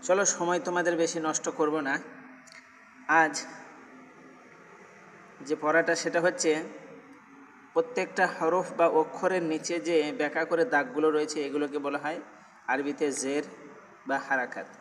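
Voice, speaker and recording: A man teaching Arabic letter reading, drilling each sound slowly and evenly. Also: a little high, fairly even intonation, a bit bright, big-room sound, a little hiss or hum. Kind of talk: slow recitation lesson.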